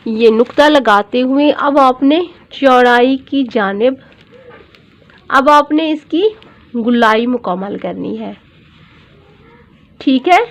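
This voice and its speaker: A woman dress designer giving a patient step-by-step sewing tutorial, repeating each measurement and often checking in with her viewers. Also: fairly high pitch. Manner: often checks in with "theek hai". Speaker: dress designer teaching pattern drafting.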